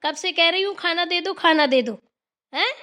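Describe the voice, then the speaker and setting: A woman voicing a scolding middle-aged village mother-in-law in a cartoon, sharp and nagging. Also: high voice, measured pace. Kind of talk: cartoon voice acting.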